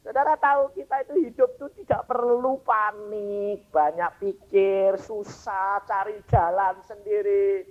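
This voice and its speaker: A man's voice: high voice, fairly even intonation, a little slow, hardly any pauses, soft background music. A male evangelist preaching a sermon, telling stories and asking the congregation rhetorical questions. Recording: dull lo-fi sermon recording.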